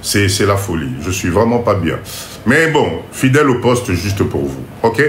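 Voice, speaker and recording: On a motivational live stream, a man with a Congolese French accent urges his viewers again and again, emphatic despite a cold that blocks his nose. His voice sits on the low side, sing-song, at a moderate pace, captured with roomy echo and faint background noise.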